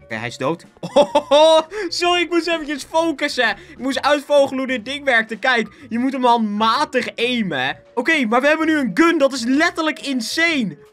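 An excitable gaming channel host delivers Let's Play commentary in a high voice at normal speed, often yelping and laughing and sprinkling in English slang. Soft music plays in the background.

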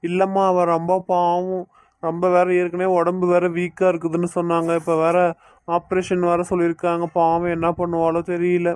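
A man's voice: high-pitched, completely flat delivery, normal speed, darkish tone, clean tone, dry recording, clean studio sound, lightly acted. A man voicing an anxious, fearful young husband in a cartoon, worried and pleading, with a Kanyakumari Tamil accent.

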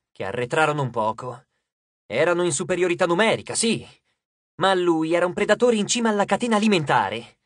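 A man narrating an audiobook with expressive storytelling, recorded on a studio microphone. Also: a little high, dry recording.

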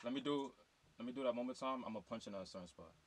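A man's voice: medium pitch, quick pace, a little hiss or hum. A man recording rap vocals in a studio, swearing when he slips on a line.

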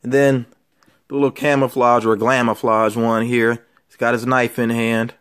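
A man's voice: medium pitch, flat delivery, normal speed, a bit bright, clean tone. A man who vlogs about collectibles, talking casually as he shows things to viewers. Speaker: toy collecting vlogger. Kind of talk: casual show-and-tell chat. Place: indoor room with shelves of figures.

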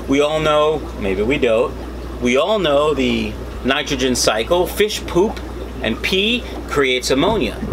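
A middle-aged man hosting a debunking vlog in a casual, opinionated way, explaining informally to the camera. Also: mid-range voice. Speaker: host of a fishkeeping channel. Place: small indoor fish room full of tanks. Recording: steady background hum and noise.

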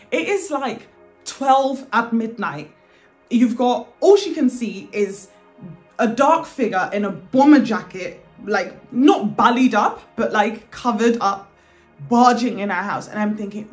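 A woman telling her own story in a lively, dramatic way, acting out what people said. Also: fairly high pitch. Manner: animated, dramatic retelling with acted quotes. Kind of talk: personal storytelling to camera.

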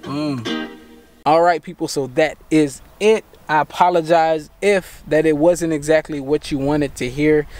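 Music plays beneath a man in his thirties hosting a tech channel, who sits in a parked car during the day and unhurriedly walks viewers through a fix, step after step. His fairly high voice stays steady in tone throughout this casual how-to.

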